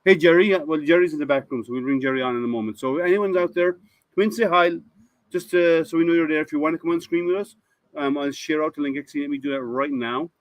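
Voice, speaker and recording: A man's voice: on the high side, fast talker, no room sound, low-quality recording. A man hosting a casual livestream hangout, chatty and rambling, often restarting his sentences as he greets viewers. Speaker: host.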